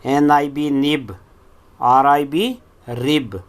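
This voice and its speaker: A man's voice: mid-range voice, drawn-out words. A male teacher leading a phonics drill, spelling out each word letter by letter and then saying it.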